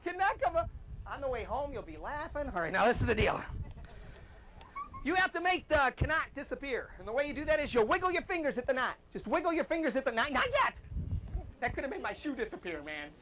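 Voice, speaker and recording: A man's voice: extremely high pitch, big pitch swings, quick pace, bright, forceful tone, slight background noise. A man performing as a children's party magician, with playful patter, coaxing a young helper and announcing like an exaggerated showman.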